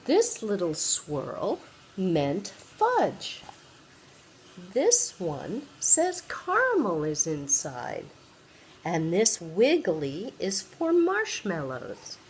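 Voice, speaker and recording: An older woman, a sweet grandmother, reading a children's picture book aloud and gently engaging the young listener. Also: medium pitch, wildly swooping pitch, drawn-out words, slight background noise. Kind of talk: read-aloud children's storytelling.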